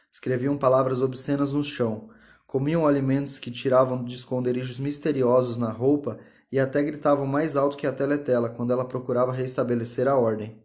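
A male audiobook narrator with a medium-pitched voice reads a novel aloud in calm, measured, scripted narration.

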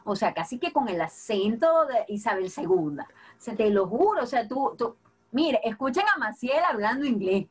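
A woman's voice: a little high, moderate pace, breathy edge. Laughing Venezuelan-accented woman comedian. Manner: animated, laughing, slangy storytelling. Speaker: podcast guest, comedian. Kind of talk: casual podcast conversation.

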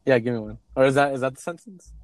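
A man's voice: mid-range voice, fast, no room sound, rough recording. A young man co-hosting a casual chat, joking around and slipping into silly voices. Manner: joking, playful, jumps into silly put-on voices. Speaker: podcast co-host.

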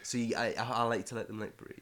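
A man's voice: mid-range voice, fairly even intonation, fast, fairly bright tone. A man from Middlesbrough with a Teesside accent, hosting a casual podcast in an informal, rambling way. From Middlesbrough, England. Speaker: podcast host.

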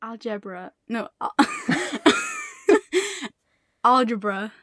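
A young woman, the speaker's daughter, giving short, quiet answers and giggling. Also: medium pitch, a little slow, dry recording, studio quality.

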